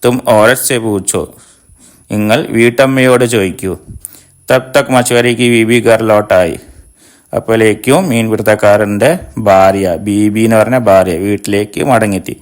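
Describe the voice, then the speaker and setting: A man's voice: on the low side, steady tone, moderate pace, smooth. A middle-aged male teacher with a Malayali accent, reading a folk tale line by line and translating each word for his pupils.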